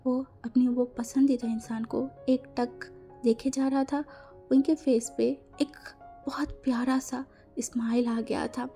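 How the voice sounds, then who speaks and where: A woman narrates a fan-written story in a relaxed, chatty way and slips English words in as she goes. Her voice sits a little high and sounds soft and mellow. Quiet music plays underneath. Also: measured pace.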